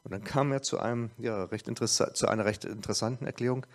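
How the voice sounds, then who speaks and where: A man's voice: mid-range voice, quick pace. A man preaching a sermon, retelling a story loosely with fillers and restarts.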